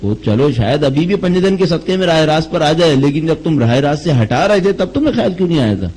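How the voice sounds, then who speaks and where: Man giving a lively religious lecture. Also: on the high side, slightly rough, poor audio. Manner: rhetorical questions, tells jokes as examples. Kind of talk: Quran commentary lecture.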